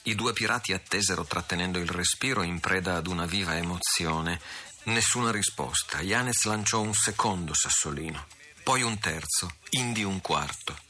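A man narrating an adventure novel aloud with measured, dramatic storytelling. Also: deep voice, sharp tone. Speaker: audiobook reader.

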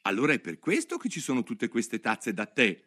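Male reader as a polite, careful young girl: higher, bright, wondering. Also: wildly swooping pitch, moderate pace, heavily acted. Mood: curious. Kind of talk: audiobook reading.

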